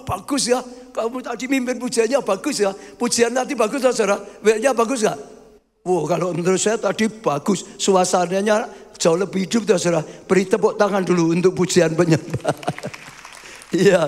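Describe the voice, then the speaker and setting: A man preaches as pastor in a church hall, his voice high-pitched and his speed normal. He is emphatic and frequently calls out to the congregation as brothers, and the recording carries a long hall reverb.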